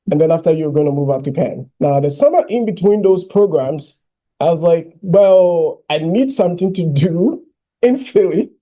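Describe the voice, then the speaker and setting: Man, raised voice with a dark soft tone, lively personal speech, "you know" fillers. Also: sits high. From Ghana. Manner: animated storytelling, frequent "you know" fillers. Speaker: keynote speaker.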